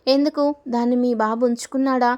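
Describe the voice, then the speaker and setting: A woman's voice: a little high, steady tone, fairly quick, darkish tone, dull audio, natural voice. A woman voicing a spiteful, sarcastic sister-in-law who talks in a sneering, scolding way.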